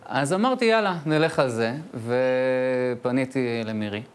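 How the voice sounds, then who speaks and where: A man, a speech therapist guest, casually recounting his experience with frequent filler pauses. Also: mid-range voice, lively intonation, clear, resonant tone. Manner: storytelling with frequent hesitations. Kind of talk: casual studio chat.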